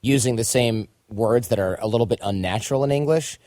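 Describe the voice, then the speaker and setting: A man's voice: medium pitch, brisk, a little mellow, no room sound, clean studio sound. Chatty man hosting a podcast. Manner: casual, chatty, joking asides. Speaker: podcast host. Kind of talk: podcast interview.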